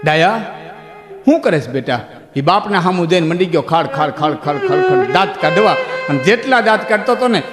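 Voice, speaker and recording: A man spins a folk tale in a high, carrying voice. His telling swells to near-shouts at the dramatic peaks. A long reverb hangs in the hall, and a fiddle plays clearly behind him. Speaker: folk storyteller. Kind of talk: Gujarati folk tale narration.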